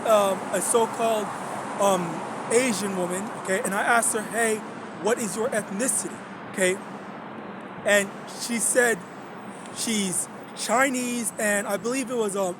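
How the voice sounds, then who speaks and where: A young man with a very high-pitched voice delivers a casual monologue as a religious vlogger, with noise in the background. He rambles, restarts, repeats words, uses plenty of fillers, and keeps checking in with "okay?".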